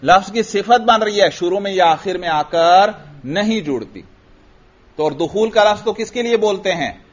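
A man's voice: sits high, animated, normal speed, lo-fi sound. A man teaching a classical grammar lesson, asking his students questions and answering them himself, repeating each point. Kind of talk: Arabic grammar lesson in Urdu.

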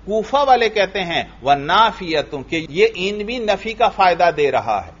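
A man teaching Arabic grammar in a classroom lesson, reading the text in a slow chant and then explaining it and quizzing his students. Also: sits high, very animated, a bit bright, dull audio.

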